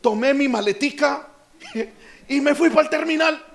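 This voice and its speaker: High, gravelly Colombian preacher. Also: male voice, moderate pace. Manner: passionate preaching, rising to shouts. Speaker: pastor. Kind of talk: sermon.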